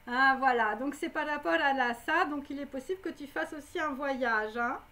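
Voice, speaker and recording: Talking straight to her viewers, a woman gives a live psychic reading full of rambling, fillers, and tags as she makes clairvoyant predictions. Her voice sits high and sounds sharp, at a moderate pace.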